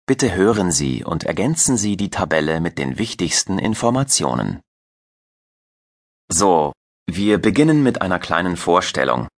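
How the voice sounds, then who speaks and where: A man narrating a scripted audio language lesson in a slow, clear, didactic way. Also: sits low, very animated, no room sound, studio quality. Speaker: language-course narrator and teacher.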